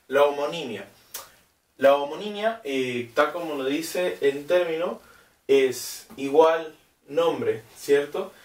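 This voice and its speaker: A man's voice: a little high, takes it slowly, distant mic. Spanish-speaking teacher man in a roomy room. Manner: explains step by step, checking with "¿cierto?"; hesitant, many "eh" fillers. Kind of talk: recorded class lesson. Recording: roomy, away from the mic.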